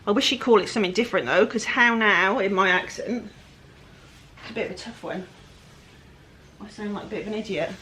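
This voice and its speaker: A woman's voice: medium pitch, fast talker, long pauses, fairly bright tone, a little hiss or hum. A woman with a West Country English accent, chatting casually and rambling as she narrates her furniture painting. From England-Wales border, UK. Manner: chatty, rambling, self-deprecating. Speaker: furniture flipper. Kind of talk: casual DIY vlog narration.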